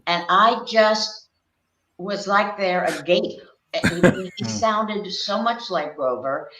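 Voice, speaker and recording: A woman's voice: mid-range voice, takes it slowly, a bit bright. An older woman from Pennsylvania, a guest actress and puppeteer, telling stories from her career in a rambling, reminiscing way. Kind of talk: casual interview chat. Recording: echoey, muffled lo-fi audio.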